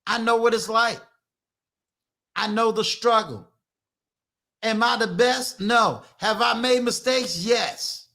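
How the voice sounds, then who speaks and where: Preachy fifty-something man, high bright voice. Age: 50s. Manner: preachy, repetitive, emphatic. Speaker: channel host. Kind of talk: live-stream motivational talk.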